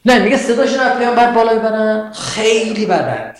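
A man with a high voice teaches a class about Quranic verses, stopping often to ask his listeners questions. He recites the Arabic verses slowly. The room is full of echo. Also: lively intonation. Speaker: religious teacher. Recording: very echoey room.

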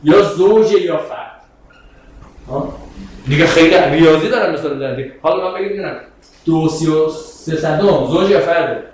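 A man with a high voice gives a classroom philosophy lecture. He talks in an animated, rhetorical way and keeps asking his students questions. His voice rings through a strongly echoing room. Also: a little hiss or hum. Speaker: philosophy teacher. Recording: very echoey room.

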